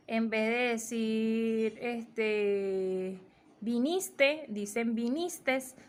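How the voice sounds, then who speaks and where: A woman's voice: a little high, fairly bright tone. A woman teaching a recorded lesson, explaining steadily with fillers and restarts.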